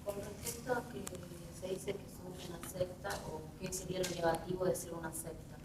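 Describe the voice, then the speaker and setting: A woman's voice: fairly low pitch, fairly even intonation, a little fast. A woman in the audience asking a question, hesitant, heard from far off the microphone. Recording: distant from the mic, quiet.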